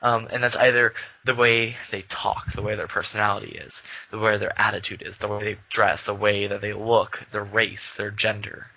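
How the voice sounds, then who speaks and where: A man's voice: lowish voice, level tone, normal speed, hardly any pauses, sharp tone, poor audio. A young man co-hosting a podcast in casual chat, rambling with many fillers and restarts. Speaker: podcast co-host.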